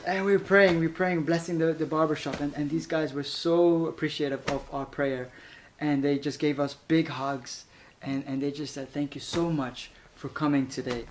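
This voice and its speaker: A man from Iran giving an animated, casual spoken testimony, laughing often and stumbling over repeated words. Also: a little high, moderate pace, hardly any pauses, a little hiss or hum. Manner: animated, laughs often, acts out voices in quotes.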